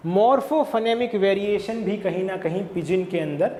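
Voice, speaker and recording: Man tutor with a Hindi accent, high voice, patient step-by-step lecture delivery, reverberant room. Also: fairly even intonation, dark tone, a little hiss or hum. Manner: explains slowly, asks and answers his own questions. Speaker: English exam tutor. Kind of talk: classroom-style lecture.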